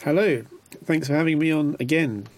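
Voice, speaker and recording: A man's voice: a little high, normal speed. A man chatting casually as a radio guest and producer, recorded on a handheld recorder like a dictaphone. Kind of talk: casual chat. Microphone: speaking into a recorder during a phone call.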